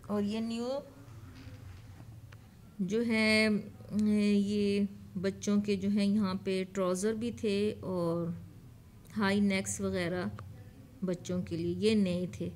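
A woman's voice: mid-range voice, flat delivery, takes it slowly, pauses often, a little mellow, slight background noise. A woman, narrating a casual shopping vlog from an outdoor market and leaning on the filler "jo hai" again and again. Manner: chatty, leans on the filler "jo hai" a lot. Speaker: vlogger. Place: open-air flea market stalls outdoors.

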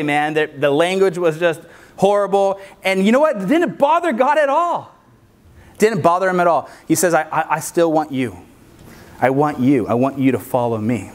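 High-voiced man preaching a youth sermon. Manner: energetic, conversational preaching with asides to the crowd. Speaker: youth pastor.

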